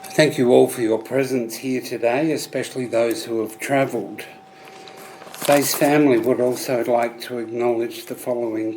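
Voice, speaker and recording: Slow lowish-voiced guy giving a formal funeral eulogy, solemn and gentle, pauses a lot, bit of background noise. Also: low-quality recording. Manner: solemn, measured, gentle phrasing with frequent pauses. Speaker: funeral celebrant conducting a memorial service.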